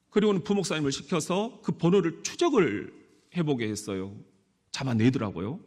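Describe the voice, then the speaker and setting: A man preaching a sermon as pastor of a church, speaking in an animated way and often asking his congregation questions. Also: fairly high pitch. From Korea. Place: church sanctuary. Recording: echoey church hall.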